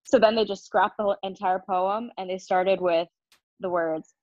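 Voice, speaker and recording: Relaxed young woman from New Jersey, dull mic. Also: mid-range voice, moderate pace, no room sound. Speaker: podcast co-host, English language assistant. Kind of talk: casual podcast chat.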